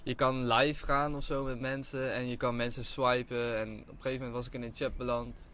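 A man's voice: mid-range voice, little pitch movement, brisk, fairly bright tone. A young man, chatting casually on a podcast and telling an embarrassing story, swearing now and then. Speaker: podcast guest. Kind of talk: casual chat.

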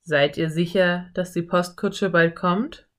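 A woman's voice: fairly low pitch, fairly even intonation, takes it slowly, fairly bright tone. A woman voicing a friendly, laid-back male cowboy in an audiobook. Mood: hearty. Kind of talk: audiobook character voice.

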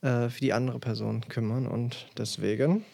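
A man's voice: mid-range voice, fairly even intonation, moderate pace, gravelly, darkish tone. A man co-hosting a casual podcast with his partner, speaking bluntly and earnestly.

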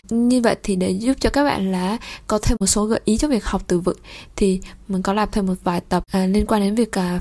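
Woman, Vietnamese accent, French teacher, podcast lesson, mid-pitched voice, patient explaining, frequent fillers. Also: warm tone.

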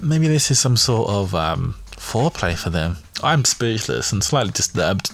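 A man's voice: on the low side, very animated, a little slow, a little hiss or hum. A man hosting a podcast, chatting in a cheeky, gossipy way and laughing at his own jokes. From England. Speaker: podcast host. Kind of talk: casual comedic commentary.

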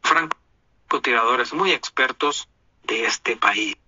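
A man's voice: mid-range voice, slow, pushed and bright, dull audio, a little hiss or hum. A man from Honduras with a Honduran Spanish accent, delivering an indignant, preachy opinion monologue as a commentator.

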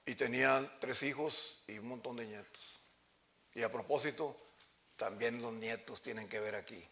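A male pastor preaches with passion. His bright, forceful voice leaps to loud cries and drops to low murmurs. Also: normal speed, gravelly. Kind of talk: sermon. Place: church sanctuary.

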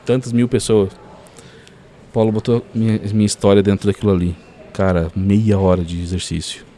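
Chatty low-voiced man storyteller. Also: normal speed, a little hiss or hum. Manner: animated storyteller, many fillers like "cara" and "assim, ó". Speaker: guest. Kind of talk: casual podcast storytelling.

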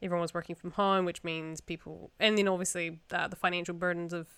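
Smooth-voiced young woman chatting on a podcast. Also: fairly low pitch, little pitch movement, quick pace, fairly bright tone, no echo. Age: young adult. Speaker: podcast co-host. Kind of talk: casual conversational storytelling.

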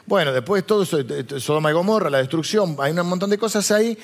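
A man's voice: high-pitched, lively intonation, fast. A man with a Rioplatense Spanish accent preaching a chatty, digressive sermon and often asking his listeners questions. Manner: chatty, digressive, asks the audience. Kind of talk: conversational sermon.

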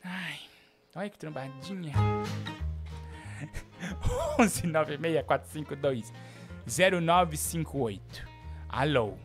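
A man hosting a comedic live stream, joking with callers and swinging between murmured asides and theatrical shouting. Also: fairly high pitch, huge pitch swings, slow, long pauses, music in the background.

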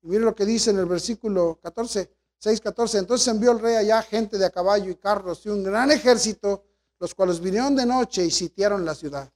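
A male pastor preaching with a very high voice. He retells scripture in lively paraphrase and keeps calling his listeners brothers. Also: a little fast. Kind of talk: sermon.

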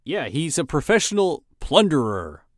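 A man's voice: fairly high pitch, big pitch swings, moderate pace, no room sound, clean studio sound. A man co-hosting a podcast, casually narrating an episode recap with wry jokes. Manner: wry, joking. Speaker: podcast co-host.

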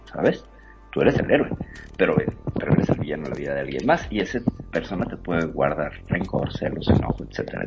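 A man explaining ideas at length in a reflective, emphatic way, full of rhetorical questions. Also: lowish voice. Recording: muffled audio with music underneath.

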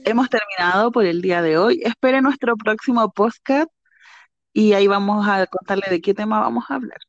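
A woman's voice: mid-range voice, normal speed, no echo. A woman co-hosting a podcast, trading playful, teasing banter. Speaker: podcast co-host. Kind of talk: casual chat. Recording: slightly dull, dry sound.

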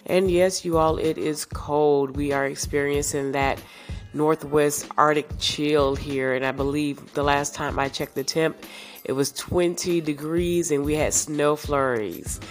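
A woman's voice: deep voice, steady tone, a little slow, faint music behind. A woman hosting a podcast, her voice congested from sinus trouble, giving reassuring words in a casual monologue full of fillers. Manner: warm, reassuring, many fillers. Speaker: podcast host.

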